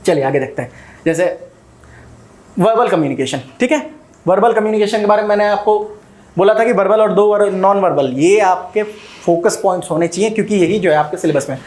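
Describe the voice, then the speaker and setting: A man's voice: high-pitched, a little fast, a little mellow. An Indian man teaching a recorded video lesson, mixing Hindi with English and often checking in with "ठीक है?". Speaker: coaching teacher.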